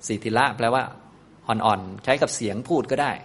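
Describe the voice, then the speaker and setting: A man giving a relaxed, conversational Buddhist Dhamma talk in a lecture hall, explaining Pali terms with easy asides. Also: on the low side, normal speed, slightly rough.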